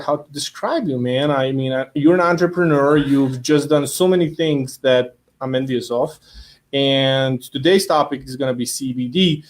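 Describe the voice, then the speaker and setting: Easygoing man hosting an interview show. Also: mid-range voice. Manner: relaxed, hesitant, repeats words. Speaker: host. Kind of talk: casual interview chat.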